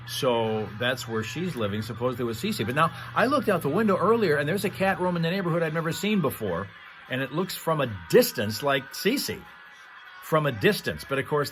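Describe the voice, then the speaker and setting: A man's voice: medium pitch, a bit bright. A man hosting a livestream, chatting casually to viewers in a rambling, conversational storytelling manner. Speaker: livestream host. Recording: clear background noise.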